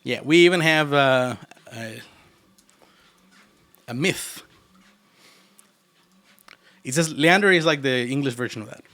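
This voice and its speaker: Slow and marked by long pauses, the mid-range, sharp-toned voice belongs to a programming livestreamer from Argentina. He teases his chat playfully as he codes, laughing often, with an Argentine Spanish accent.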